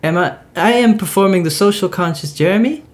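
A man co-hosting a podcast in casual chat, giving quick opinions and stammering as he starts sentences. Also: high voice. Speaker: podcast co-host.

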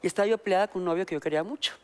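Mexican woman telling a lively story. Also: fairly low pitch, rapid-fire, clear, resonant tone. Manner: animated storyteller acting out quoted dialogue. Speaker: guest. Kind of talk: casual talk show chat.

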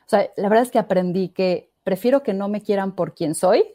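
A woman's voice: mid-range voice, fairly quick, no echo, studio quality. A woman in her thirties with a Mexican accent, telling her story as a podcast guest. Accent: Mexican Spanish. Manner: expressive storyteller, acts out quoted voices. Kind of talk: casual conversational interview.

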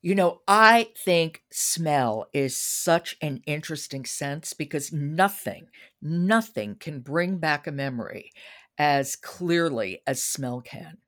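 Speaking slowly in a low, animated voice, a woman hosts a book podcast. She alternates between chatty book reviews and making announcements.

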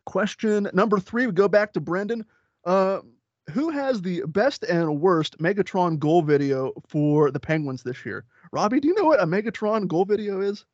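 A man's voice: sits high, animated, moderate pace, no room sound. A man co-hosting a podcast in casual chat, hesitant and often repeating himself. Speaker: podcast co-host. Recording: dry, dull lo-fi sound.

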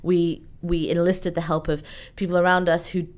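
Woman, interview guest, fairly low voice, lively and chatty, lots of "like" and "you know". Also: normal speed. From Iran, raised in the UK. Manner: animated, chatty, many fillers. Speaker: event organizer, guest. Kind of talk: conversational interview.

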